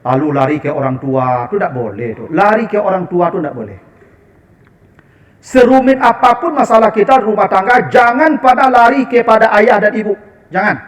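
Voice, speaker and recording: Animated high-voiced Minangkabau preacher. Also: male voice, fairly quick. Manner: animated, humorous, addressing the women as "ibu". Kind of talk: sermon.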